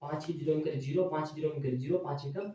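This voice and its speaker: A male math teacher lecturing in a classroom style, asking his students questions and answering them himself, often checking with a quick "okay". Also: fairly high pitch, warm tone, slight background noise. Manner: repeats "theek hai" as a check. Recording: very echoey room, mic far away.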